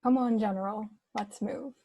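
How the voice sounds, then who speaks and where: Woman as mellow, composed Princess Leia. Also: mid-range voice, fairly even intonation, normal speed, dry recording, natural voice. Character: composed, brisk young rebel princess. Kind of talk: script table read.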